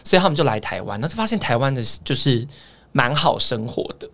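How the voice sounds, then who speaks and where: A woman's voice: extremely low pitch, fast talker. A young woman with a Taiwanese Mandarin accent, co-hosting a podcast and telling a story with lots of energy. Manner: animated storytelling. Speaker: podcast co-host. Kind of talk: casual chat.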